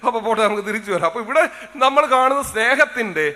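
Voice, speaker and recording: A male pastor preaching a sermon to a congregation, with a Kerala Malayalam accent, swinging between loud exclamations and soft asides. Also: very high voice, expressive, racing. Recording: long hall reverb.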